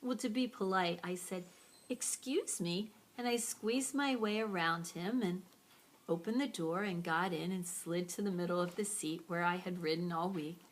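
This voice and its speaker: A woman's voice: lowish voice, normal speed. A woman telling a first-person story in a wry, playful, self-mocking way.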